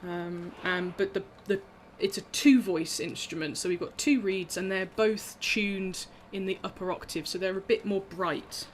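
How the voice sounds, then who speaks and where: A woman musician talks through her instruments over a video call, chatty and modest about herself, often saying um and laughing lightly. Her voice is mid-range and unhurried with hardly any pauses, and there's slight hiss or hum.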